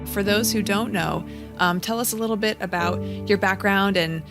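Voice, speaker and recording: A woman's voice: mid-range voice, normal speed, over music. A woman hosting a podcast interview, introducing the guest and giving brief, friendly encouragement. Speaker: podcast host.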